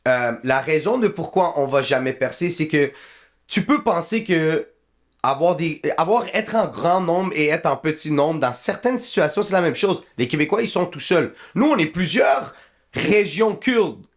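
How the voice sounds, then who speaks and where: A man's voice: fairly high pitch, animated, normal speed. A man from northern Iraq, chatting casually as a podcast guest and mixing in English slang. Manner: laid-back, mixes French and English slang.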